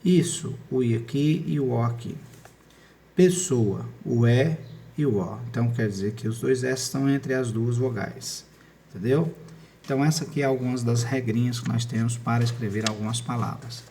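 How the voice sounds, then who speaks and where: A man's voice: medium pitch, normal speed, vocal fry, warm tone, a little hiss or hum. A man teaching a recorded spelling lesson, explaining patiently step by step and often checking in with his students.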